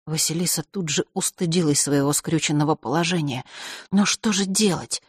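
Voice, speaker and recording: A narrator reading a children's fantasy story aloud in a lively, expressive way. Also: medium pitch, normal speed, breathy edge, no echo, clean studio sound. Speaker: audiobook narrator.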